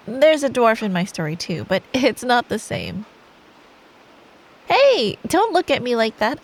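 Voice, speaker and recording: Playing a girlfriend in an ASMR bedtime story, a woman with a voice on the high side speaks sweetly and playfully, in no rush. Faint, soft rain sound effects run in the background of this poor-quality audio.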